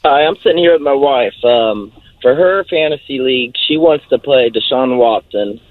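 A man's voice: mid-range voice, animated, moderate pace, no room sound. A man phoning in to a radio show, asking a plain, slightly hesitant question. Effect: phoned in to a radio show. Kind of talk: casual question to radio hosts. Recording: tinny phone line.

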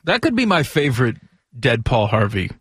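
A man's voice: medium pitch, sing-song, normal speed, fairly bright tone, breathy edge, dry recording, studio quality. A man hosting a radio show with casual sports talk banter.

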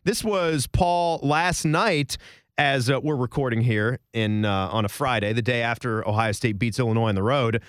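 A man's voice: medium pitch, normal speed, clean tone, dry recording. A man hosting a casual college basketball podcast, chatty and jokey, recorded in a station studio. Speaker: podcast host. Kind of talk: casual sports podcast chat.

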